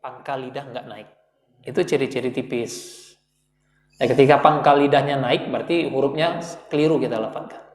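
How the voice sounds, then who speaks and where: A man's voice: mid-range voice, steady tone, a little mellow. Man teaching in an echoey prayer room. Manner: patient, repeats letter sounds slowly for students. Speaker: Quran recitation teacher. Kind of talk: classroom lesson. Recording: echoey room with long reverb.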